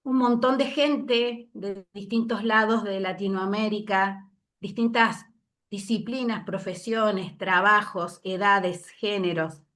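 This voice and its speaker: Moved woman speaking haltingly. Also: mid-range voice, fairly even intonation, fairly bright tone. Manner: moved, reflective, halting with fillers. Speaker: invited speaker. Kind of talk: emotional presentation over video call. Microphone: video call.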